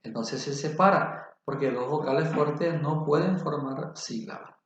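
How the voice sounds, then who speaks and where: A man giving a spoken grammar lesson, slow and deliberate, spelling out examples. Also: fairly high pitch. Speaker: teacher. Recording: very echoey, dull lo-fi room.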